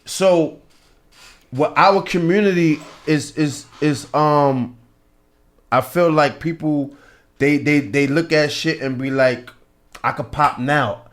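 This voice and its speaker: A man's voice: on the high side, slow, pauses often. A man co-hosting a podcast, talking casually and thoughtfully, often repeating words as he builds a point. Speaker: podcast co-host. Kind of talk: casual chat.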